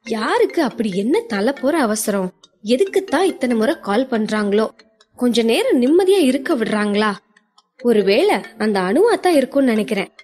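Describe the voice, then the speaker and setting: A woman playing Avanthika, a brisk, firm young woman. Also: a little high, very animated, darkish tone. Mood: irritated. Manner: brisk, scolding, then coaxing. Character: irritable but caring young woman, quick and firm.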